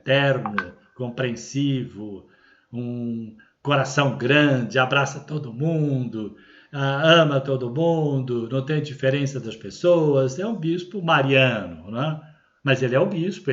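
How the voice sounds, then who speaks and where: A man with a Brazilian Portuguese accent, a bishop giving an unscripted religious teaching, explaining carefully and often checking in with tag questions. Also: medium pitch. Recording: dull lo-fi recording.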